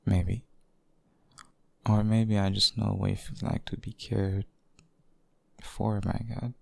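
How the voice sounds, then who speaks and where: A devoted boyfriend, acted by a man, speaks in an intimate ASMR role-play, hushed and halting. His low voice stays in a narrow, even range. It is tender and a little possessive, recorded very dry and close. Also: vocal fry, dry recording, full character voice. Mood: earnest, devoted. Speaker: audio role-play performer.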